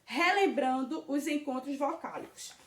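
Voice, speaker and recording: A woman's voice: high-pitched, animated, a bit bright. A woman teacher with a Brazilian Portuguese accent, giving a patient children's grammar lesson and checking often that the class follows. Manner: slow, patient, checks in with "tá certo?". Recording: roomy, from a distance.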